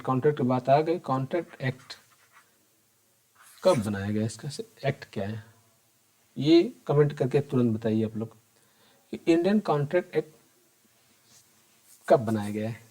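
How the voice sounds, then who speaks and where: Man, accounting teacher, mid pitch, conversational lecture, asks and answers his own questions, repeats key points. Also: warm tone. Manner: conversational, addresses students directly and asks them questions. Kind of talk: exam-prep lecture.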